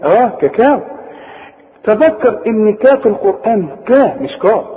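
A man with an Egyptian Arabic accent teaching Quran recitation rules, drawing out the recited words slowly and often checking that the listener follows. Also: high voice, expressive. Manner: explains slowly, then drawls recited words, asks the listener for confirmation. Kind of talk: tajweed lesson. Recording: tinny phone-like sound with long reverb.

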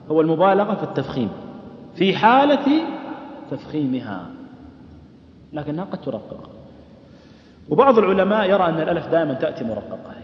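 A man's voice: a little high, a little hiss or hum. A man teaching a lesson on recitation rules, often questioning his listeners and chanting short examples. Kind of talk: explaining a lesson to a class. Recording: echoey hall, dull lo-fi sound.

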